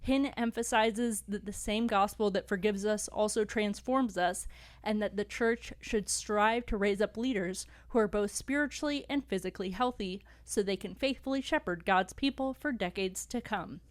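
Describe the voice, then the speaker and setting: A young woman co-hosts a podcast from a studio table. She chats casually and laughs often, then reads a written summary in a smooth, even way. Her voice sits at a middle pitch, recorded close and dry. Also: normal speed, no echo. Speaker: podcast host. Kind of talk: casual chat and reading an article summary.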